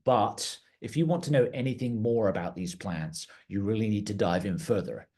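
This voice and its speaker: A middle-aged garden director, a native English speaker from outside the United States, gives an educational talk to gardeners. His voice is lowish, a little mellow and slightly rough, at a moderate pace. He speaks plainly and conversationally, restarting now and then.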